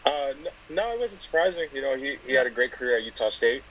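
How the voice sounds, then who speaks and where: A young man from California, a guest football player, talking softly in a casual interview with lots of fillers. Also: mid-range voice, animated, fast talker, lo-fi sound. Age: 20s. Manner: soft-spoken, many fillers and restarts.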